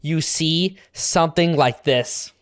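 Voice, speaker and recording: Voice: mid-range voice, takes it slowly, clean tone. A reaction video host giving casual commentary who exclaims and laughs in disbelief.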